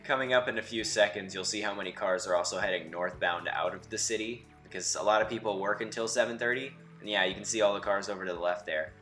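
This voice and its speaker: A man's voice: on the low side, fast talker, hardly any pauses, sharp tone, soft background music. A young man narrating a casual driving vlog from inside his car, chatty and wry, his voice a bit muffled from a camera mic set away from him. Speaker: vlogger. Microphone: camera mic from a distance, muffled.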